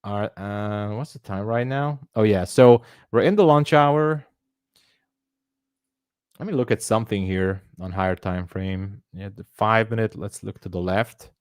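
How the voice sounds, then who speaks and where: A man's voice: on the low side, a little slow, clean tone, no room sound, clean studio sound. A man from Hungary hosting a live trading stream, chatting casually, laughing often and thinking aloud. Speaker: livestream trading host.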